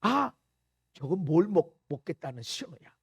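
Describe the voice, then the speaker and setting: A middle-aged man preaching a sermon as pastor, crying out prayers loudly and then dropping to low, quiet asides. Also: sing-song, moderate pace, gravelly, no room sound, clean studio sound. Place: church sanctuary.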